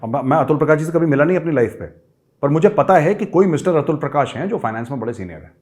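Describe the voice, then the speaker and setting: A middle-aged man hosting a show, telling a personal story in a lively way and sliding in English phrases. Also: on the high side, racing. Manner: lively, acts out quoted people with raised voice, mixes English phrases. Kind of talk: animated storytelling.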